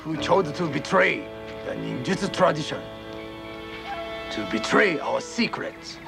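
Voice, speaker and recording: An actor playing a vengeful male ninja rival who speaks in a slow, cold, threatening way in a 1980s TV action drama. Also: a little high, animated, gravelly, over music, exaggerated voice. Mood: menacing. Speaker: villain.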